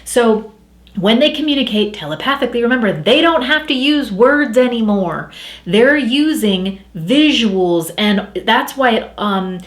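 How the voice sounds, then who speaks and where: A woman's voice: fairly high pitch, animated, unhurried. Woman, spiritual coach, casual chatty teaching talk, echoey room. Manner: chatty, acts out inner voices.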